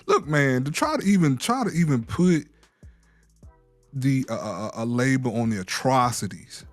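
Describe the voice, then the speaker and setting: A man co-hosting a casual commentary show, talking in an animated, mocking, exasperated way. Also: mid-range voice, normal speed, no echo, soft background music. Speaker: co-host.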